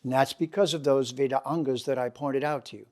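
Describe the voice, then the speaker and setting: A man giving a lecture, asking the audience questions and answering them himself, slowing down to stress key words. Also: medium pitch, fairly even intonation, warm tone. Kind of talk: lecture to a seminar group.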